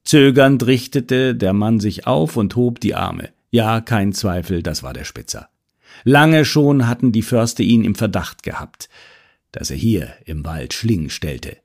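Expressive male audiobook narrator. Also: fairly low pitch, a little slow, creaky. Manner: expressive storytelling, varied intonation.

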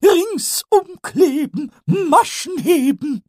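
A man voicing a cheeky, gleeful little male kobold in a storybook reading, with a squeaky, singsong, drawn-out way of talking. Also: expressive, no echo, studio quality, exaggerated voice.

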